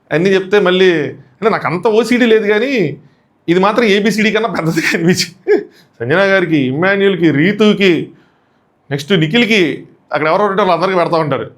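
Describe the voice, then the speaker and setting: Fast-talking Telugu man recapping a show. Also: fairly high pitch. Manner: animated, acts out contestants' quotes in shifting voices. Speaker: show reviewer. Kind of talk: casual solo recap.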